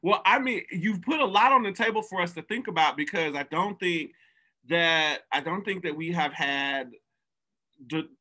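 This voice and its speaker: A man moderating a discussion on a video call, encouraging and measured. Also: fairly high pitch, sharp tone. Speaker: director and moderator.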